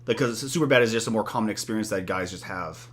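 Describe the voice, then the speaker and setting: A man's voice: on the low side, fast talker, a bit bright. A man co-hosting a podcast, chatting casually with a sardonic edge. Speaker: podcast co-host.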